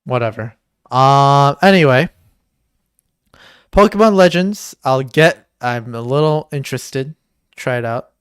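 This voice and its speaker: A man co-hosting a livestream in casual chat, excitable and jokey, swearing now and then. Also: medium pitch, measured pace, long pauses, clear, resonant tone, dry recording, studio quality. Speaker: stream co-host.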